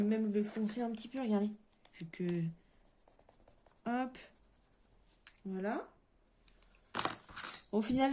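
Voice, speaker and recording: Slow, mellow-voiced woman chatting as she colors. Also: medium pitch. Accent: French. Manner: chatty, thinking aloud while coloring, with many fillers. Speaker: coloring channel host. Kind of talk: casual coloring-along commentary.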